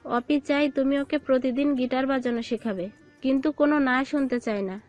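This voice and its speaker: A woman voicing a friendly, easygoing middle-aged mother who talks in a warm, welcoming way in an audio drama. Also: sits high, fairly even intonation, normal speed, faint music behind, close to an everyday voice. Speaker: voice actor. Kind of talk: Bengali audio love-story drama.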